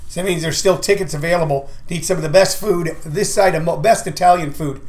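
A man with a slightly high voice delivers a rambling comedic monologue. He is folksy and emphatic, often repeating a phrase for effect as he hosts and plugs shows. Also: quick pace, darkish tone. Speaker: comedian and show promoter hosting his own talk. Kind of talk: rambling monologue with comic asides and show plugs.

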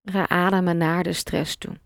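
A woman guiding a relaxation meditation, giving slow, calm, soft instructions with long pauses. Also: on the low side, creaky, dry recording, clean studio sound. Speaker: meditation guide.

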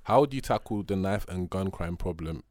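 A man's voice: low-pitched, lively intonation, moderate pace, a little mellow, no room sound, clean studio sound. A young man with an urban London roadman accent, chatting casually and slangily as a podcast co-host, with plenty of banter. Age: young adult. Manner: slangy, bantering, addressing listener as bro.

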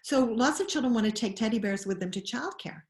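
A woman's voice: on the high side, animated, fairly quick, a little mellow. Earnest woman explaining in an echoey room. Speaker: parenting educator. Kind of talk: explanatory interview talk.

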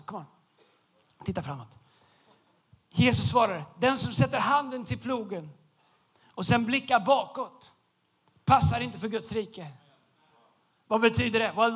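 High-voiced animated male preacher. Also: breathy edge. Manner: animated storytelling, shouting punchlines. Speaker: pastor. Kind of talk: humorous sermon. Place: large church hall.

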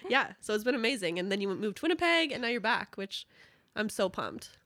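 A woman's voice: mid-range voice, very animated, fairly quick, fairly bright tone, no echo. A young woman hosting a podcast interview in casual, giggly, informal chat. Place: studio, in person.

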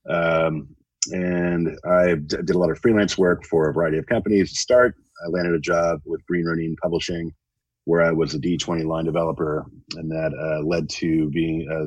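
Husky guy podcast guest, wry, casual, close dry sound. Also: deep voice, no echo, muffled recording. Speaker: podcast guest, game designer. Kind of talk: casual interview chat.

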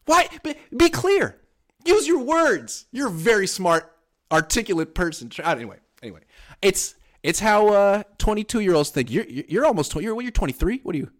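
Brisk and high-sitting, with big pitch swings, this man in his thirties co-hosts a casual sports talk podcast. He's emphatic and wry, regularly slipping into mock quotes.

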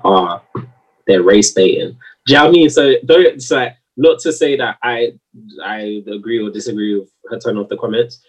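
A man's voice: fairly low pitch, husky, highs cut off. A man with a London urban accent giving his opinions in a casual discussion, emphatic and full of slang.

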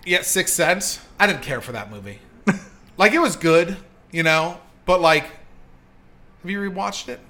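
A man's voice: high-pitched, expressive, unhurried, pauses often, bright, forceful tone. A man talking as a podcast guest, telling blunt, profane stories about film work and laughing along the way. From Hollywood, California. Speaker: podcast guest, producer and author. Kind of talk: casual chat.

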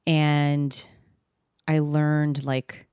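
A singer and podcast co-host in her thirties tells candid stories about her gigs in a chatty conversation, laughing easily and using lots of fillers. Her low voice is a little mellow with flat delivery and drawn-out words, recorded cleanly in a studio with no echo. Spanish isn't her first language, though she sings in it.

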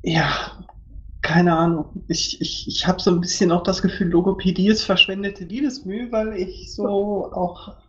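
A woman's voice: fairly low pitch, fairly even intonation, moderate pace, lo-fi sound. A woman as an interview guest in a casual podcast chat, talking in a hesitant, self-conscious way and trailing off.

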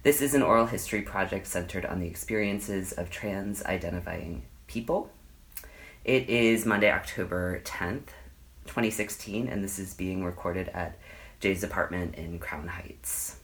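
A man with a very low voice and a bright, forceful edge, conducting an oral history interview. He asks his questions softly and tentatively. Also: normal speed. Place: interviewee's apartment.

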